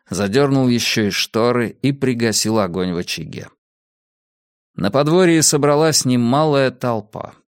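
Steady male audiobook narrator, dry sound. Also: medium pitch, clean tone, dry recording. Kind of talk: scripted narration.

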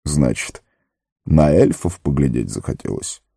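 A man voicing an old wise wizard in an audiobook, speaking gravely and slowly with a stern, commanding manner. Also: a bass voice, very animated, dark tone, no room sound, studio quality, heavily acted. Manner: grave, slow and warning. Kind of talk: audiobook character reading.

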